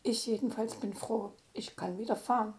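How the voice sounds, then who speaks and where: A woman's voice: on the high side, steady tone, normal speed, a little mellow, close to an everyday voice. An older woman voicing a chatty, grateful talking car that runs on artificial intelligence, in a read-aloud story.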